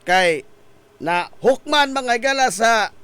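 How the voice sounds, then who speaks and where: A man hosting a morning radio show, chatty and joking, his voice hoarse from a cough and cold. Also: extremely high pitch, animated, takes it slowly, bright, forceful tone, dry recording. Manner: jokey, laughs often at his own quips. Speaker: radio host.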